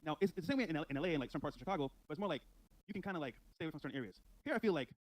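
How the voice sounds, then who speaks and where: A man's voice: on the high side, expressive, very fast, rough recording. A young man from Miami, a podcast guest who explains his views in a casual, matter-of-fact chat.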